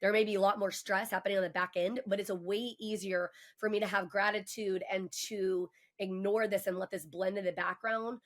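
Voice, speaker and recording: Appearing as a podcast guest in a casual conversation, a mortgage professional in her forties tells her own story openly, forcefully and passionately. Her pitch is medium and her intonation fairly even, and she speaks fairly quickly with hardly any pauses.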